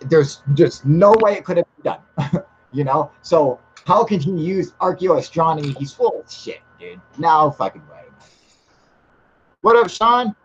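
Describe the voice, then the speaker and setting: A man's voice: fairly high pitch, measured pace, husky. A man hosting a casual live stream about UFOs, swearing freely and laughing often, reading viewer chat. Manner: profane, excitable, laughs often. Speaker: host of a live UFO stream. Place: outdoors in humid air. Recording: slightly dull with faint hiss.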